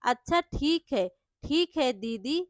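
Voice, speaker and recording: A frail, sick younger sister from a storybook, voiced by a woman. She speaks softly and weakly in a high, slow voice. The recording is dry and close. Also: expressive, no room sound.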